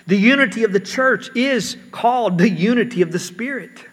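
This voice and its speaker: A man's voice: sits high, lively intonation, normal speed, a bit bright, in a large hall. A man preaching a sermon earnestly, often repeating words as he explains.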